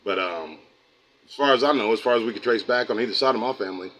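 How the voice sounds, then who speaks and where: A middle-aged American livestream host speaks at a quick pace in a lowish, somewhat bright voice, with slight background noise and low-quality recording. He casually reads chat and chats with viewers, folksy and rambling, veering into preaching.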